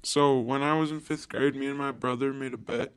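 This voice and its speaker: A twelve-year-old boy whose voice has been electronically lowered into a disguised deep voice, answering interview questions shyly and haltingly. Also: fairly even intonation, clean tone. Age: 12, seventh grader. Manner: hesitant, halting, with nervous giggles. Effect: voice pitched down to a disguised deep voice. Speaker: anonymous student interviewee.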